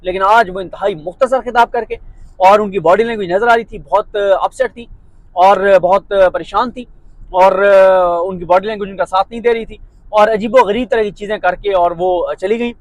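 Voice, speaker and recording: A man delivers a political commentary monologue. His voice sits high for a man, and his tone is sarcastic and mocking. The sound is dry, with no room echo. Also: moderate pace. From Pakistan.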